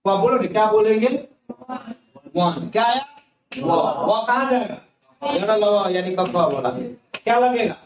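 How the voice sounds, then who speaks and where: A man's voice: high-pitched, animated, unhurried, pauses often. A male grammar teacher giving a colloquial classroom lecture, explaining step by step and asking and answering his own questions. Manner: folksy, colloquial teaching style. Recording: echoey, distant, dull lo-fi classroom recording.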